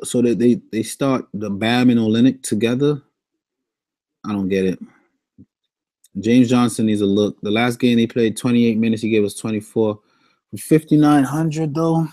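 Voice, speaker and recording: A man's voice: medium pitch, a little mellow, dry recording. A man giving a casual fantasy sports breakdown, thinking aloud and repeating his picks. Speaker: daily fantasy sports analyst.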